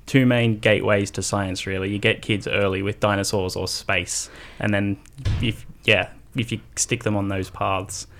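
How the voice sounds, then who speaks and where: A man's voice: on the low side, little pitch movement, moderate pace, few pauses, a bit bright. A man in casual science conversation as a museum guest on a studio radio show.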